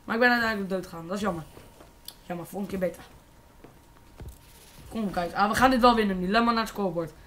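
A Dutch teenage boy giving casual, excitable live commentary on a shooter game and swearing freely. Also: high voice, fast, long pauses, slight background noise. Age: teens. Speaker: gaming YouTuber.

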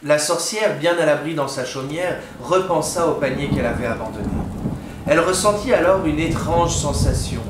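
A man reading a children's picture book aloud, with an expressive, dramatic delivery. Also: on the high side, moderate pace, noisy background. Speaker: children's storyteller. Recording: roomy echo.

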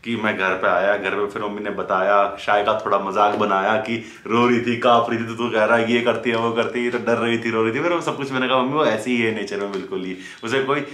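A young man co-hosting a casual story chat, relaxed and chiming in with extra details. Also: lowish voice, brisk, hardly any pauses. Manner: chimes in with details, relaxed conversational. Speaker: co-host, her partner. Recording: echoey room.

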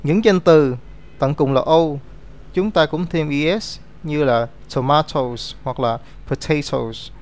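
A man's voice: a little high, takes it slowly. A man teaching an English grammar lesson, explaining rules step by step and reading out example words.

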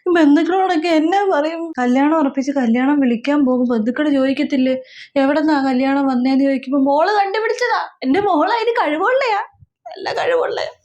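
A woman's voice: sits high, a little fast, a little mellow, muffled recording, close to an everyday voice. A woman playing a melodramatic middle-aged mother in a comedy sketch, scolding and lamenting over and over. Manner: scolding, wailing, repeats herself. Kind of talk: comedy sketch role-play.

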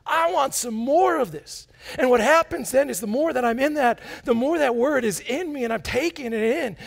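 A man in his forties preaching to his congregation in a church sanctuary, his fairly high voice heavy with gravelly fry. He is animated and playful, pacing the stage and coaxing the crowd to join in. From United States. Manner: walks about the stage as he preaches. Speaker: pastor. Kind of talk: sermon. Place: large church sanctuary, indoors.

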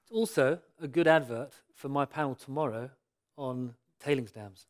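A young man interviewing on a conference stage, cutting in with short, dry remarks. His voice sits at a middle pitch. He is heard through a lapel mic. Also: normal speed. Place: conference stage before an audience.

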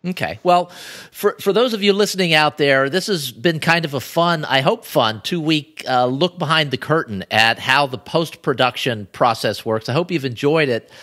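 Bright-voiced man hosting a podcast. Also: a little high, normal speed. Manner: casual, restarting sentences, chatty. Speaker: podcast host. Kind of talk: casual podcast chat.

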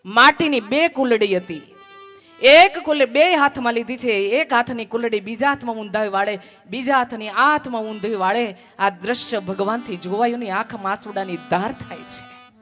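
A woman's voice: a little high, moderate pace, fairly bright tone, soft background music. A woman from Gujarat telling a devotional story as a sermon, emphatic and fond of repeating phrases. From Gujarat, India.

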